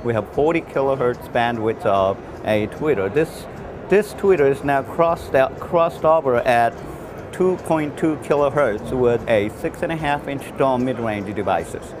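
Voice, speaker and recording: This non-native English speaker, a loudspeaker designer, presents his product unscripted amid the din of a trade show exhibition space. He speaks at a medium pitch with lively intonation, but haltingly, repeating himself and restarting often.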